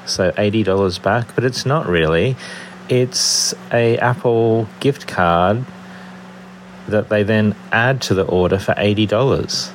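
A man's voice: fairly low pitch, a little slow, a little hiss or hum, low-quality recording. A man with an Australian accent leaving a rambling, chatty voice message that is played back on a show, thinking aloud as he browses. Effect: recorded voice message played on the show. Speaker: listener calling in. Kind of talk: casual voicemail chat.

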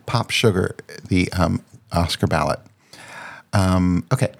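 A man's voice: low-pitched, unhurried, gravelly. A man hosting a casual solo podcast, rambling and searching for words with lots of ums. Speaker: podcast host.

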